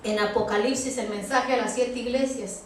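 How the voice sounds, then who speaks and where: A woman preaching a sermon, emphatic, rising to high pleading tones when she quotes people. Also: steady tone, normal speed. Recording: echoey hall from far off, faint noise.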